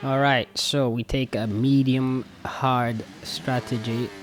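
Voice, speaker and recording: A man's voice: medium pitch, steady tone, takes it slowly, slight background noise. A man giving casual, rambling commentary over his own racing game, his voice still recovering from an illness and full of hesitant fillers. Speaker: gamer and video creator.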